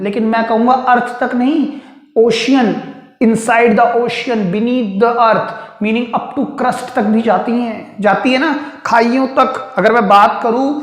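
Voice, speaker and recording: A man's voice: very high-pitched, fairly bright tone. Male maths teacher lecturing at a board, asking and answering his own questions, in a roomy space. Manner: keeps checking understanding with quick questions; asks students' questions and answers them himself. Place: room with a board.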